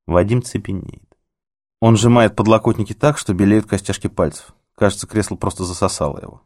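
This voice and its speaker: A man's voice: fairly low pitch, brisk, darkish tone. A man reading a novel aloud in the first person, with a cynical, sardonic delivery. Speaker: audiobook narrator. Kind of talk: scripted first-person narration.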